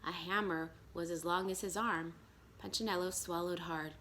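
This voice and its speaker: A woman storyteller reading aloud to children in an expressive, emphatic way. Her voice is on the low side and bright. The recording carries faint background noise. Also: normal speed. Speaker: storyteller and school educator.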